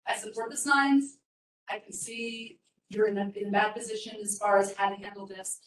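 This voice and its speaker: A woman giving an earnest, emotional public comment at a county meeting, speaking haltingly. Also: medium pitch, steady tone. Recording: roomy hall, far from the mic.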